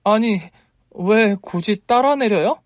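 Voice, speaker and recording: A man's voice: fairly high pitch, animated, a little slow, darkish tone, dry recording, studio quality, voice pushed up. A man putting on a flustered young woman. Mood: indignant. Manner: indignant, exasperated questions. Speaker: story reader.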